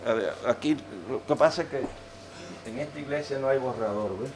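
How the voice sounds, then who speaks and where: A man's voice: medium pitch, normal speed, slight background noise. Man lecturing in an echoey church. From Venezuela. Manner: animated, humorous teaching, addresses audience. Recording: roomy church echo.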